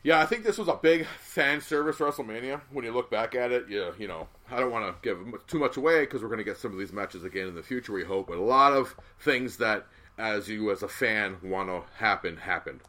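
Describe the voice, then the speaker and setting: Male co-host, casual wrestling chat, bright forceful voice, excitable, slightly low pitch. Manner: excitable, swearing, quick bursts of enthusiasm. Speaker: podcast co-host recapping wrestling.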